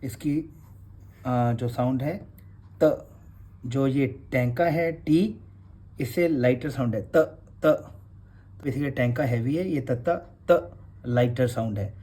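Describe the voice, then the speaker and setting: A man's voice: mid-range voice, slow, long pauses, warm tone. A man, teaching Gurmukhi letters in a revision class and patiently repeating each sound.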